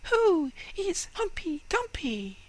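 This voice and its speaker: A man voicing eager little mice in a storybook reading, very high and thin. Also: big pitch swings, takes it slowly, full character voice. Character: tiny eager mice, squeaky and curious.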